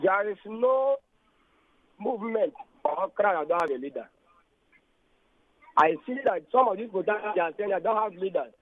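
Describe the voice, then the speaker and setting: A man calling in to a radio show by phone from a moving car, speaking in an earnest, halting way. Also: sits high, animated. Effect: phone call from a moving car. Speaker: radio call-in caller. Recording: band-limited phone line with road noise.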